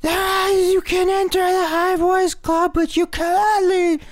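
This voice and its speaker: A man putting on a shrill falsetto as a high-voiced club member in an improv comedy scene. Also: level tone, measured pace. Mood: solemn.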